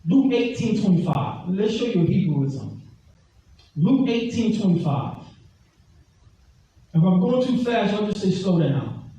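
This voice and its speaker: A man delivers an emphatic teaching sermon, restating scripture references and getting the room to respond. His high, dark voice has a sing-song lilt, unhurried and full of pauses. The recording comes from a distant mic in a big echoey hall, with faint noise.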